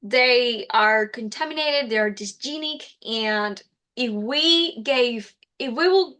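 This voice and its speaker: A woman's voice: on the high side, takes it slowly, sharp tone. A woman, a guest in an interview, speaking earnestly and reaching for words with fillers like "you know". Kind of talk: casual interview chat.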